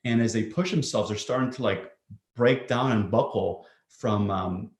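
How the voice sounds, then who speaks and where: A male psychiatrist answering interview questions thoughtfully, often pausing with ums and restarting sentences. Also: fairly low pitch. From Greece. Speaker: psychiatrist guest. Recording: roomy echo.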